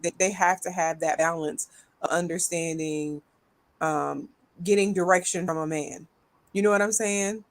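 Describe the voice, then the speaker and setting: A woman's voice: fairly low pitch, fairly even intonation, moderate pace, a little hiss or hum, poor audio. A woman on a podcast panel, speaking frankly and earnestly in casual chat.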